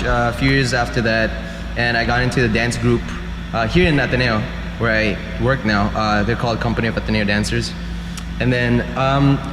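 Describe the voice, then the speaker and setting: A man in his thirties from the Philippines, a dancer and teacher chatting casually as an interview guest, relaxed and full of fillers. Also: mid-range voice. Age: 30s. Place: university room. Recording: echoey room, loud background noise.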